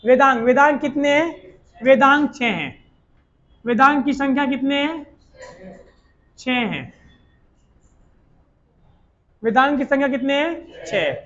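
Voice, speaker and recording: Man, high voice, slow call-and-response classroom drilling, muffled lo-fi audio. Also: fairly bright tone. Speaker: teacher. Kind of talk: classroom lecture.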